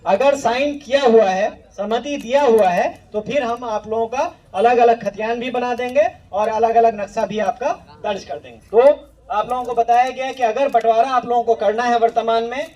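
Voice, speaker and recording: A man with a very high voice explains official procedure in a plain, instructive way, going back over his key points. He sounds set back from the microphone, a little distant. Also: steady tone, normal speed, darkish tone, dull audio. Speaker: land revenue official explaining survey rules. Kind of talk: explanatory talk to villagers.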